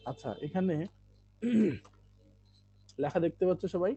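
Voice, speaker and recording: In an online live class, a man teaching English explains things step by step, saying "okay" often and reading English lines slowly to drill pronunciation. His voice is high, warm, and slightly rough, with lively intonation, in a muffled recording.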